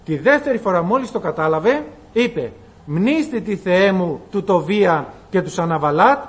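A man with a high voice preaches to a congregation. He retells a scripture story, acting out the characters' lines. He slows down to read the old-fashioned passages. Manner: lively preaching, acting out quoted dialogue, reading archaic scripture slowly. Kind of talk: sermon on a Bible passage.

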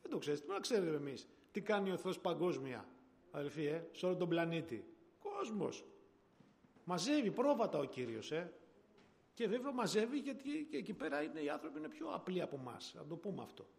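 A man's voice: high-pitched, very animated, creaky, a little mellow. A man preaching a sermon in a conversational way that grows emphatic, in a church hall. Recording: long hall reverb.

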